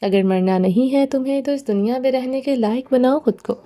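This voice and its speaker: A woman's voice: high voice, mellow, close to an everyday voice. A woman reading a menacing short-tempered young man. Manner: cold, threatening, commanding.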